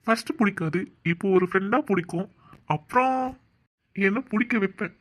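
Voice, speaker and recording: A woman's voice: medium pitch, a little fast, close to an everyday voice. A woman voicing a persistent, affectionate young man in a cartoon. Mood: coaxing. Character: young man, devoted and playful suitor. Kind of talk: cartoon voice acting.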